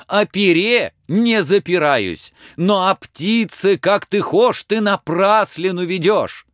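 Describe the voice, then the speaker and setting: A man's voice: on the high side, big pitch swings, slow, no echo, clean studio sound, voice pushed up. A man voicing a frightened, pleading young peasant lad in a storybook reading. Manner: pleading, wailing.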